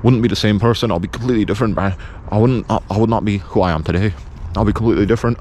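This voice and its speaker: A man's voice: lowish voice, very fast, a little mellow, a little hiss or hum. A man from England with a British accent giving an unscripted opinion monologue in an insistent, blunt, repetitive manner. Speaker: video presenter.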